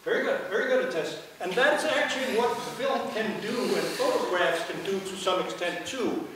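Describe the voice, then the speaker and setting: A man's voice: sits high, moderate pace, noisy background. A middle-aged man lecturing live in a rambling professorial way, with hesitations and asides. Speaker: university lecturer. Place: large lecture theatre. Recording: very echoey lecture hall, distant.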